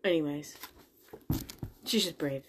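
A woman's voice: deep voice, slow pace, noisy background. A woman co-hosting a podcast, chatting about a book in a rambling, hesitant way with lots of fillers. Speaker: podcast co-host. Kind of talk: casual book-club chat.

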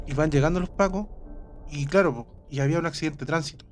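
A man with a Chilean accent spins a story in a loose, casual chat, circling back and repeating himself with plenty of slang. His voice sits a little high, and faint music plays underneath. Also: fast. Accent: Chilean Spanish. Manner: rambling, repeats words, heavy slang.

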